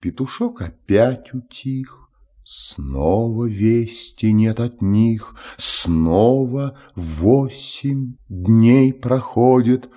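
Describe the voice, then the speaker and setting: A man reciting a fairy tale in verse with a sing-song lilt. His voice is husky, his pace very slow, and his pitch moves up and down widely. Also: expressive, dark tone.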